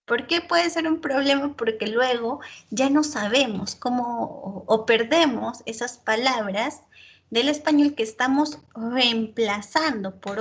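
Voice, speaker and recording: A woman teaching a class, explaining patiently with spoken examples and constantly checking in with short tag questions. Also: fairly high pitch. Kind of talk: online class lecture.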